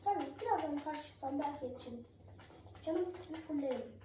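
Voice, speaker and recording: High-pitched excitable young gamer, roomy echo. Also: quick pace, noisy background. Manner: yells and swears at the game; urgent repeated commands. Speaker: gamer playing a survival game. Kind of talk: casual gameplay commentary. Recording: roomy echo with loud game music.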